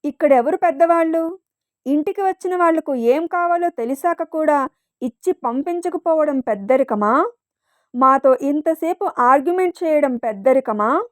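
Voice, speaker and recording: A woman's voice: sits high, lively intonation, moderate pace, dry recording, clean studio sound. A woman voicing a haughty wealthy mother. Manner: haughty, arrogant. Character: proud wealthy middle-aged mother.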